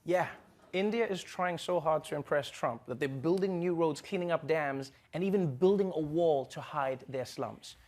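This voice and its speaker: A man hosting a comedy show, delivering a joking, animated monologue. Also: a little high, moderate pace. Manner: joking, animated, breaks into impressions. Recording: studio audience laughter and noise.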